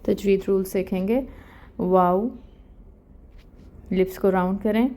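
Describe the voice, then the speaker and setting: A woman's voice: medium pitch, fairly even intonation, mellow. A woman teaching Quran recitation rules, explaining each letter patiently and step by step. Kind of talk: step-by-step tajweed lesson.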